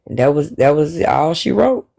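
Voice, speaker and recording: A man's voice: fairly high pitch, sing-song, normal speed, gravelly, warm tone. A man, telling his story in casual chat and preaching about planning for money.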